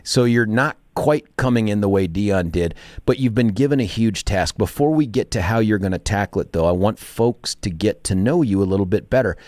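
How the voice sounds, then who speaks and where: A man's voice: lowish voice, normal speed, few pauses, darkish tone, no room sound. A man hosting a radio talk show, joking and laughing as he interviews a guest in the studio. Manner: jokey, laughs often. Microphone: studio mic.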